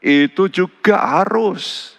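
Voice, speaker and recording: Animated preacher in a reverberant hall. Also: male voice, takes it slowly, vocal fry. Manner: animated preaching with sudden high emphatic outbursts. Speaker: pastor. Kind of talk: sermon. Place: large church hall. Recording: church service with long hall reverb.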